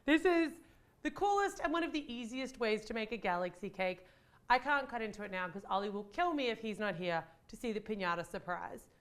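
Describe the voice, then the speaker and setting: A woman's voice: on the high side, lively intonation, fairly quick. A woman hosting a baking channel, giving bubbly, chatty step-by-step instructions in her kitchen. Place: home kitchen.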